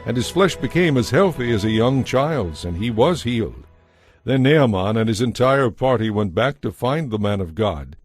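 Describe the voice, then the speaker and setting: Recorded close on a dry studio microphone with faint background music, a man narrates a dramatized audio Bible from a script. His medium-pitched voice is animated and moves at a moderate pace.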